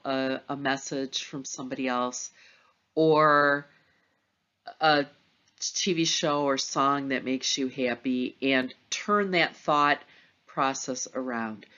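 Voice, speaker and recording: A middle-aged woman with a low voice gives a gentle motivational pep talk. She speaks slowly and deliberately, reassuring and encouraging her listeners with measured pauses. The recording is slightly dull and lo-fi. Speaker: teacher addressing students at semester's end.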